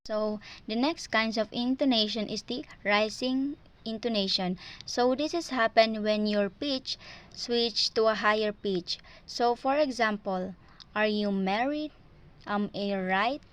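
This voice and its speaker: A woman's voice: fairly high pitch, measured pace, a bit bright. A woman with a Filipino accent giving a class presentation, switching between English and Filipino as she explains step by step. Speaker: student presenter.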